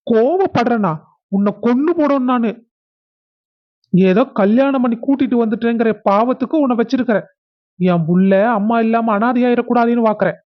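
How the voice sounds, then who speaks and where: A man's voice: extremely high pitch, normal speed. A man playing a harsh, angry husband. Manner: harsh, scolding. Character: angry husband scolding his wife. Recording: dull lo-fi sound.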